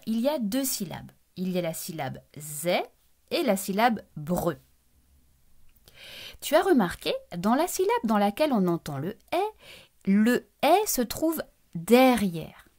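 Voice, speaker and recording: Slow, lively-voiced woman teacher. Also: on the high side. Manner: patient, deliberate, breaks words into syllables; addresses the child directly as "tu". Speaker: primary school teacher. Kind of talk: recorded lesson for young children.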